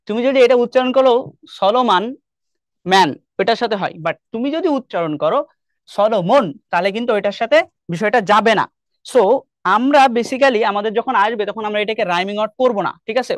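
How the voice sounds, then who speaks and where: A man's voice: high-pitched, quick pace, no room sound. A young man with a Bangladeshi Bengali accent teaching an online English class, explaining step by step and quizzing his students often. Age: young adult.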